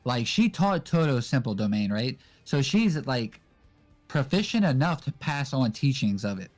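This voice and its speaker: A young man guesting on a casual anime discussion, explaining in a relaxed way with lots of fillers. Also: medium pitch, normal speed, faint music behind. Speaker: guest co-host.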